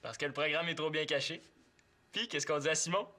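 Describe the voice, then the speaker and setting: A man's voice: a little high, brisk, bright, forceful tone. An actor with a Quebec French accent playing a boastful, defensive teenage boy who schemes. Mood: cocky. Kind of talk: TV series acting.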